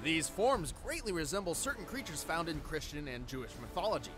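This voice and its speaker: Man as earnest, high-voiced nerdy scientist narrator. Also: big pitch swings, fairly quick. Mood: analytical. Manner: precise, explanatory. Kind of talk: scripted analytical narration. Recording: voice over background music.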